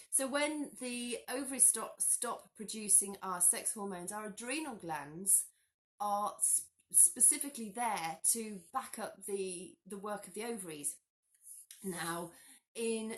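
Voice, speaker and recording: Slightly hoarse with a cold, a health vlogger in her 40s gives a casual explanation to her phone camera from her living room at home. She speaks at medium pitch, chatty and animated, gesturing with her hands and frequently restarting what she says.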